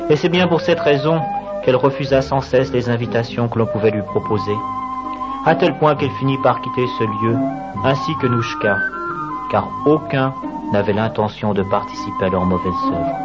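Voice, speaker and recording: A man narrating a moralizing children's story with dramatic, drawn-out emphasis. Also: medium pitch. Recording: dull lo-fi audio with guitar music.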